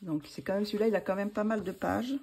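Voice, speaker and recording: A woman's voice: medium pitch, fairly even intonation, fast talker, vocal fry, a little mellow, a little hiss or hum. A woman hosting her own channel, chatting casually and hesitantly with many fillers and restarts as she shows books. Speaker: channel host showing books for a giveaway. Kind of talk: casual chat.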